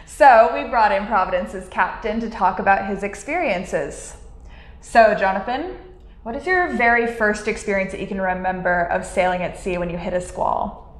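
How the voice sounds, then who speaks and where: A woman's voice: mid-range voice, normal speed, roomy sound. A young woman hosting an interview, encouraging her guest with frequent mm-hmms, on a lapel mic. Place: wood-paneled ship cabin.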